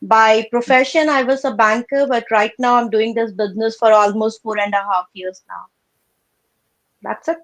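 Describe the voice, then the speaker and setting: A woman's voice: a little high, fairly even intonation, normal speed, poor audio. A woman from India introducing herself on a live panel over a video call, chatty and talking straight to viewers.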